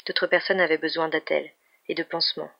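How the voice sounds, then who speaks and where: A woman reading a novel aloud in a steady, even manner, in a dull lo-fi recording. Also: sits low, fairly quick, vocal fry. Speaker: reader.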